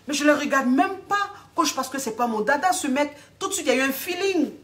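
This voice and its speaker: Indignant vain young client, put on by a woman, whiny and pleading, slightly high. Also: lively intonation, moderate pace, fairly bright tone. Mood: boastful pleading. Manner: whining, pleading, repeats "coach" constantly.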